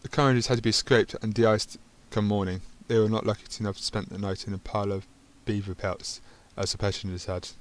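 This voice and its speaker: A man's voice: fairly low pitch, little pitch movement, fairly quick, hardly any pauses. A man reading a narrative game's text aloud, stumbling over words and adding dry asides of his own. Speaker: gaming channel host.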